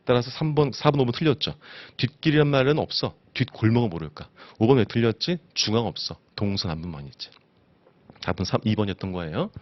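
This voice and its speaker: A man's voice: mid-range voice, lively intonation, quick pace, lo-fi sound, a little hiss or hum. A man teaching an exam-prep lecture, constantly asking his students rhetorical questions. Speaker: instructor.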